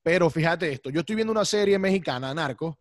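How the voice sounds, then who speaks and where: A man's voice: on the high side, fast, no room sound, studio quality. A man from Venezuela with a Maracaibo accent, hosting a casual chat and putting questions to his guest. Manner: lively, talks over his guest, uses voseo.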